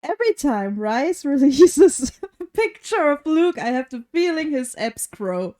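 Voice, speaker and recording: High mellow-voiced woman cracking jokes on a podcast, talks slow. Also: sing-song. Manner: joking, laughs with co-host. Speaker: podcast co-host. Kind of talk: casual chat.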